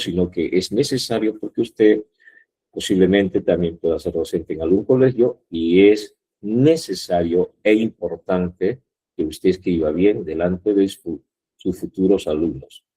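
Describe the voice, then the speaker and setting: A man's voice: low voice, a little slow, mellow, breathy edge. A man teaching a university grammar class, explaining patiently, repeating points and checking the students follow. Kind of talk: online class lecture.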